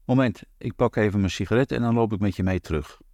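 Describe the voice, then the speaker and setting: A man reading aloud voices a quiet husband who answers in short, hesitant replies. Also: on the low side, fast talker, no echo, clean studio sound, lightly acted.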